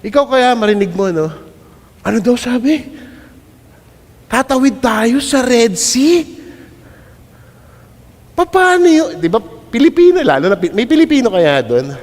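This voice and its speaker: A male pastor preaches a sermon in a high, bright voice that swoops up and down with energy. He keeps it playful and pulls the congregation in, speaking slowly. His words ring with the long reverb of a big hall. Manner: playful, animated, drawing in the congregation.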